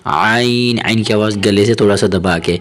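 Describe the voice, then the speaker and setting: A man teaching Quran reading step by step, slowly drawing out syllables and sounds, then explaining quickly, often repeating and checking that learners follow. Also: fairly low pitch, fairly even intonation. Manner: patient, repeats and checks understanding. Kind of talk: step-by-step recitation lesson.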